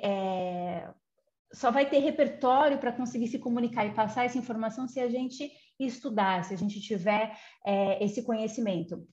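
A woman with a fairly high voice gives an informal lecture, explaining patiently and checking in with little tag questions. The audio is somewhat muffled and lo-fi. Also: a little mellow. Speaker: communication guidance speaker.

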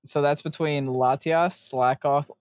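A man reads out each set of quiz choices and teases his partner, laughing often. His voice sits a little high, and the sound is dry and close. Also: fairly even intonation, measured pace, darkish tone, no room sound. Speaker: quiz co-host. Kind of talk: casual chat.

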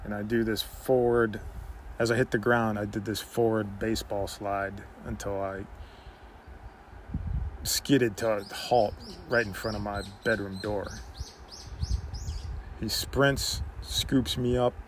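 A man telling a personal story in a halting way, full of "you know" fillers. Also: fairly low pitch, little pitch movement, a little hiss or hum, low-quality recording.

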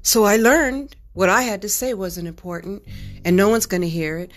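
A middle-aged woman speaks alone on her podcast, telling her own story in a candid, earnest and reflective way. Her voice sits at an ordinary middle pitch. Soft music plays quietly under her words. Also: moderate pace. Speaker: podcast host. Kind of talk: personal storytelling monologue.

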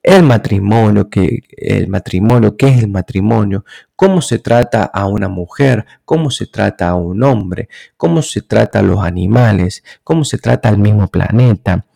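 A man with a gravelly, creaky voice gives an explanatory talk. He speaks at a measured pace and keeps checking in with his listeners through short rhetorical questions. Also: fairly low pitch, expressive, mellow, rough recording.

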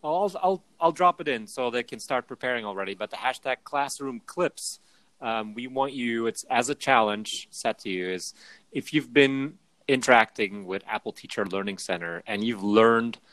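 A man's voice: mid-range voice, animated, normal speed, a bit bright, no room sound, poor audio. A man co-hosting a show, talking in a casual chat with frequent hesitations. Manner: hesitant, many ums. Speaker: podcast co-host.

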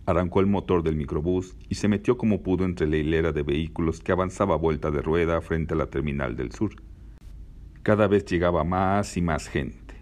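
A man narrating a novel in a steady, plain storytelling voice. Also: sits low, normal speed. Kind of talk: novel read aloud.

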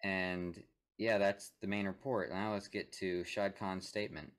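Brief: young guy, lowish voice, casual sports chat, laughs a lot. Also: steady tone, measured pace. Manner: laughs often, reads statements aloud with asides. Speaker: podcast co-host.

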